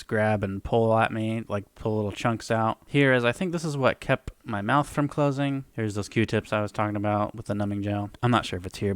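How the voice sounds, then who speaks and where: A man's voice: on the low side, no echo. A man talking casually as a vlogger, explaining things informally to his viewers.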